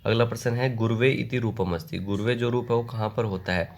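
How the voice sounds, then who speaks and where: A man teaching an online exam-prep lesson, reading out questions and reciting word forms in slow rhythmic lists. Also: mid-range voice, fairly even intonation, creaky. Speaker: Sanskrit exam tutor.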